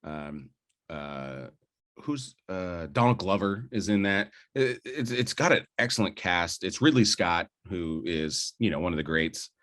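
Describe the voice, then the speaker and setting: Low in pitch and a bit bright, this podcast co-host sounds animated while keeping a measured pace. The young man argues about films with gusto, wandering through fillers and false starts.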